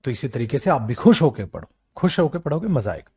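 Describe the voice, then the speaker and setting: Husky and fairly quick, a government-exam English teacher runs a grammar class that mixes English examples with Hindi explanation. Animated, he scolds and coaxes his students with affection, calls them beta, and puts on a low, weak voice to mimic their whining.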